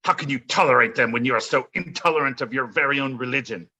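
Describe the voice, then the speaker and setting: Scornful and zealous, a villainous French nobleman in an audio play delivers heavily acted, drawn-out, florid lines in a raspy, sharp-edged mid-range voice. His grandly theatrical delivery brims with mocking relish, captured in a slightly dull-sounding recording.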